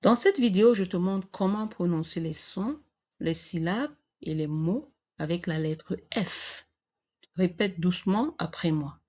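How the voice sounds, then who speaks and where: A woman teaching pronunciation, saying each syllable and word twice in a slow, clear drill. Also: lowish voice, dark tone.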